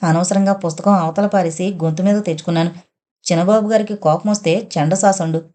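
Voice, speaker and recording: Woman narrator voicing a nervous, humble male servant, quiet and mellow, audio novel. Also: fairly low pitch, steady tone, a little fast, lightly acted. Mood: fearful muttering. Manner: humble, muttering to himself. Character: fearful male household servant.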